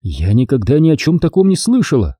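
A man voicing a wary, defiant former pirate captain woman in a dark, husky voice, reading dialogue from an audiobook. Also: medium pitch, wildly swooping pitch, a little fast, dry recording, clean studio sound, voice pushed up. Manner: skeptical, challenging questions.

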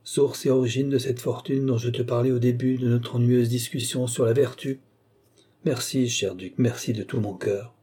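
A man's voice: medium pitch, steady tone, normal speed, mellow, husky, close to an everyday voice. A man voicing a bewildered old baron who talks in a flustered, pleading way.

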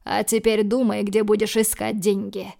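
A woman playing a cold, dangerous man in an audiobook, threatening in a calm, low, clipped way. The delivery is flat and monotone, with a gravelly edge. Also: moderate pace. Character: cold, menacing male hero, a tough man. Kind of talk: audiobook character voicing.

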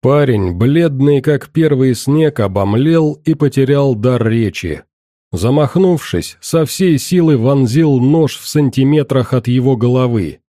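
Male narrator, grim measured first-person delivery, dark timbre, dead-dry booth. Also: medium pitch, expressive, no echo. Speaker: audiobook narrator.

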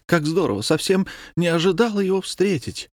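Young woman, sharp-tongued and excitable; male narrator does the voice, up high, no room. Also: brisk, no echo, clean studio sound. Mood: lively. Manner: exclaiming, teasing.

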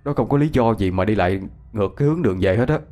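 A man's voice: lowish voice, animated, racing, dark tone, soft background music, lightly acted. A man voicing a brash, blunt young man in a told ghost story.

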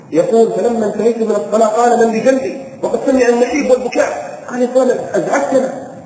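A man preaching a sermon, telling a story with emotion, moving between hushed and impassioned passages and slowly chanting verses. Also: sits high. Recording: echoey hall recording, faint noise.

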